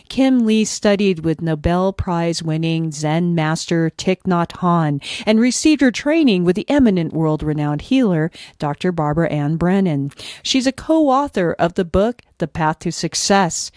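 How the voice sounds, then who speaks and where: A woman reading a polished, promotional introduction. Her voice sits fairly low, and the recording is dry and close with no room sound. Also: a little mellow, dry recording. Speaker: voice-over announcer. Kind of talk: scripted introduction.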